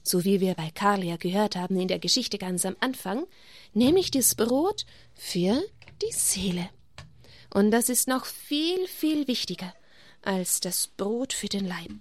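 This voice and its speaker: A woman gently telling a Bible story to children and talking to them directly. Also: medium pitch, animated, measured pace.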